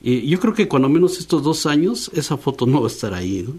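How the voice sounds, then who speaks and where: A man's voice: on the high side, sing-song, quick pace, a little mellow, slightly rough. A man with a Mexican accent chatting casually as a university radio host, often tagging his sentences with questions. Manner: chatty, frequent tag questions. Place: radio studio.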